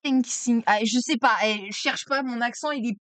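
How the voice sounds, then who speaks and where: A woman chats her way through a card-opening stream, bright and excitable. Her voice is smooth and sits a little high, recorded close and dry at a desk. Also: moderate pace, no room sound. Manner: chatty, excitable, exclaims at each card. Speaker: streamer opening trading cards. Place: at home desk.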